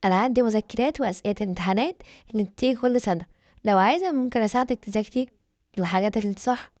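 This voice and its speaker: A woman's voice: fairly high pitch, racing, darkish tone, no echo, lo-fi sound, lightly acted. A woman with an Egyptian accent voicing a manipulative, possessive teenage schoolboy in a spoken story, in a persuasive, pushy manner. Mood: sly. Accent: Egyptian Arabic. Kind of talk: storybook narration.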